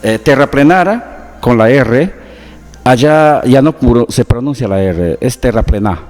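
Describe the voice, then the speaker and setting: A man's voice: medium pitch, animated, unhurried, darkish tone, in a large hall, faint music behind. A man from the Peruvian Amazon with a Peruvian Amazonian Spanish accent, a researcher being interviewed, explaining patiently with examples. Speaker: guest, researcher.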